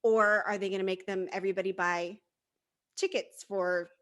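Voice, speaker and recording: A woman co-hosting a casual fan podcast, chatting and telling stories with animated quoted voices. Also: mid-range voice, moderate pace. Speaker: podcast co-host. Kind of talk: casual chat.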